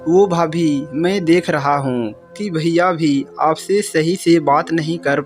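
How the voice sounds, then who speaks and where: A man's voice: a little high, slow pace. A man playing a humble young male house servant who speaks politely and with concern, over faint music.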